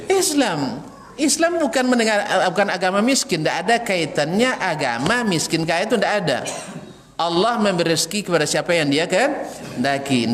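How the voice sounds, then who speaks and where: An Islamic preacher and religious teacher delivers a lecture to a congregation in an echoing hall, his voice sitting high. He is animated, poses rhetorical questions, and chuckles at his own examples in humorous asides. The recording is reverberant with some background noise.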